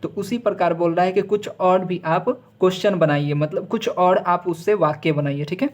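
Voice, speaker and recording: A man from Bihar teaching a recorded grammar lesson. He reads answers out slowly, keeps checking in with "ठीक है", mixes in English words and corrects himself mid-sentence. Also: high voice, steady tone. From Bihar, India. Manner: explains in Hindi mixed with English words.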